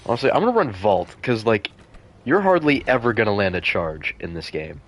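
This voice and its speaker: A man's voice: on the low side, sing-song, a little fast. A man doing casual live gameplay commentary as a streamer, griping in exasperation, with some noise behind him. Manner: exasperated gamer griping, swearing mildly. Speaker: game streamer.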